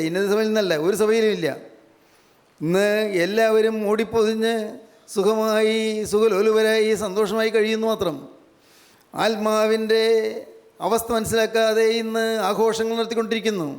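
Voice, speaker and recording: High-voiced man preaching in a hall. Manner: emphatic, repetitive preaching that sinks into hushed fervent prayer. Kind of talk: sermon. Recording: long hall reverb.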